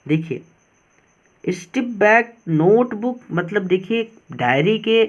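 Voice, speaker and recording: A man teaching an English text line by line, reading the English lines slowly and then explaining them quickly in Hindi. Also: high-pitched, dull audio.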